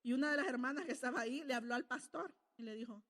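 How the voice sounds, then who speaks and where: Preaching a sermon, a woman tells stories and poses questions to the congregation that she then answers herself. Her voice is high-pitched and fairly bright, she talks fast, and the sound carries the feel of a big room.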